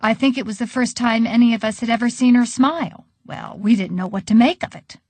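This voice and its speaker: A woman narrating an audiobook in an expressive, conversational storytelling manner. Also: a little high, a little fast, dry recording.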